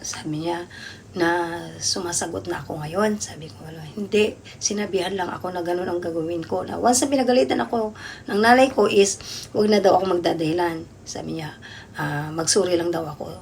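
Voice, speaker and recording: A woman's voice: lowish voice, fairly quick, gravelly, darkish tone, slight background noise. A woman from the Philippines who works abroad as a domestic worker, chatting casually to her viewers and rambling with many fillers and restarts. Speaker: overseas domestic worker vlogger.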